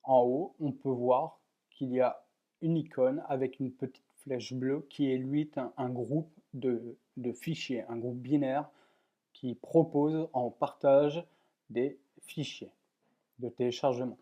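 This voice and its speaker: A man's voice: mid-range voice, steady tone, takes it slowly, warm tone, dull audio. A man walking viewers through a computer program step by step in a plain, methodical screen-recorded tutorial, with many fillers. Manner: plain, methodical explaining with frequent "voilà" and fillers. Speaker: software tutorial presenter.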